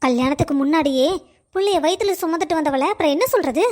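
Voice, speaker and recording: A woman voices a taunting cartoon mother-in-law, high and sharp-tongued. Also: fast talker, natural voice. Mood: scornful. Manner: taunting, accusing. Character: scornful mother-in-law, middle-aged woman.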